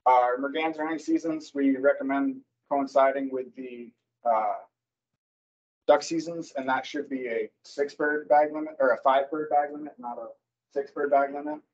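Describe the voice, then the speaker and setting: A man presenting wildlife season recommendations at a public board meeting, speaking haltingly with many fillers and self-corrections over a video call. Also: mid-range voice, steady tone. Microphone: computer mic on a video call. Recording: dull lo-fi video call audio.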